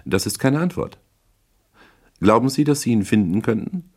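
Haughty, volatile rich young woman, read by a man in a raised voice; cool mockery with a quick temper, audiobook reading. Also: mid-range voice, sing-song, breathy edge, voice pushed up. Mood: probing. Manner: cool, mocking, quick to flare up.

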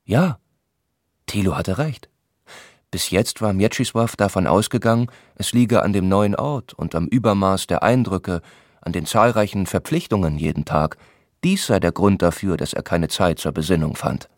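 A man reading a novel aloud as narrator in a measured, even storytelling manner. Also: sits low, no echo, studio quality. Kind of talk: scripted narration.

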